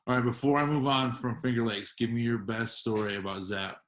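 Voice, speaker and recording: A man's voice: mid-range voice, fairly even intonation, brisk. A young man hosting a casual interview podcast, talking in a laid-back, loose way. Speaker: podcast host.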